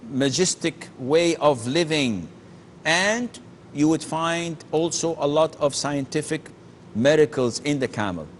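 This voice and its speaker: A man's voice: on the high side, slight background noise. A man answering callers' questions as a sheikh on a call-in show, earnest and emphatic, often restarting his sentences and using Arabic phrases. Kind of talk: call-in religious Q&A.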